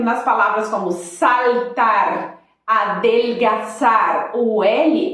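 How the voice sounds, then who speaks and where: A Brazilian woman from Espírito Santo with a Capixaba accent, teaching an online Spanish pronunciation lesson and slowing down to model each word. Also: a little high, very echoey, distant mic. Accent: Capixaba Brazilian Portuguese. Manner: lively, addresses students directly, slows down to model words.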